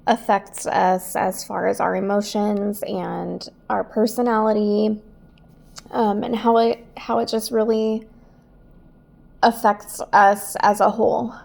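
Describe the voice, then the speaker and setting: A woman's voice: a little high, gravelly, darkish tone. A woman hosting a personal podcast, talking earnestly and emotionally about her own life. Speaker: podcast host.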